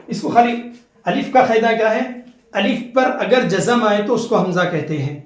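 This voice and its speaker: A man with a high, lively voice leads a Quran recitation lesson, covering each rule repeatedly and chanting example syllables in a long, slow way. The room is quite echoey, with a slight hiss or hum in the audio.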